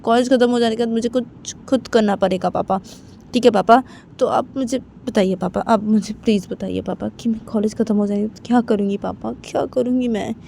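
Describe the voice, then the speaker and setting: A woman doing an insistent college-age daughter, pleading and evasive with her father. Her repetitive talk is dotted with "papa", her voice fairly high, and faint traffic noise runs behind her. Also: steady tone, brisk, vocal fry, dark tone. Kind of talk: amateur storytelling with voices.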